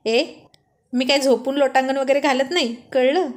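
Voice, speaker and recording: A woman's voice: high-pitched, steady tone, moderate pace, natural voice. A woman reading the lines of a cheeky young man who mocks his friend in jokes. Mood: mocking. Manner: mocking, jokey.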